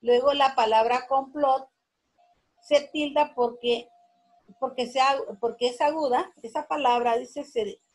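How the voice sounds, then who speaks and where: A woman teacher walks pupils through a spelling exercise at an unhurried, careful pace, drawing out each word. Her voice sits a little high and has a husky edge. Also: fairly even intonation, darkish tone, rough recording. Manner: slow, patient, repeating words syllable by syllable. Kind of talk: classroom lesson on accents.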